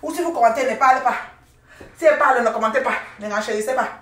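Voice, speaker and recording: A woman's voice: on the high side, fast, distant mic. An older woman hosting a casual live stream from home, chatting affectionately with viewers, repeating pet names and laughing often. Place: at home, indoors. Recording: roomy, voice off the mic.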